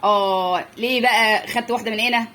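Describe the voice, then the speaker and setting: A woman's voice: fairly high pitch, very fast, a bit bright. A young woman with an Egyptian accent teaching children's reading to parents, drilling letter sounds and stretching out words as she repeats them. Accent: Egyptian Arabic. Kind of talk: phonics lesson for parents.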